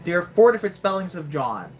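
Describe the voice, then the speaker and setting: A man's voice: high-pitched, sing-song, quick pace, faint music behind. Chatty man streaming a game. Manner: chatty, joking, talks to chat. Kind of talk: casual live-stream commentary.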